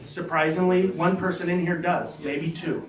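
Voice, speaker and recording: A man's voice: fairly high pitch, little pitch movement, normal speed. An American man doing a stand-up comedy set in a club, rambling and self-mocking with lots of fillers and restarts. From United States. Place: comedy club stage, live audience. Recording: roomy, distant mic, crowd noise.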